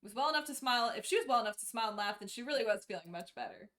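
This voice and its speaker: A woman's voice: a little high, expressive, very fast, fairly bright tone. A woman streamer narrating a story aloud and joking bluntly in casual chat.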